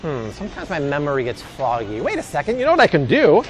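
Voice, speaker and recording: Man host, slightly high voice, emphatic and chatty shopping-guide vlogger, faint music underneath. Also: wildly swooping pitch, fast talker. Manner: chatty, emphatic, jokey asides. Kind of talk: casual grocery shopping advice vlog.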